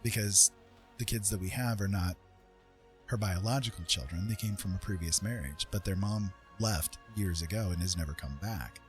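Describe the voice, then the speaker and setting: A middle-aged man hosts a livestream, chatting casually and personally in a deep voice at normal speed. He comes across as earnest, hesitant and reflective, thinking things through as he talks, with soft music in the background.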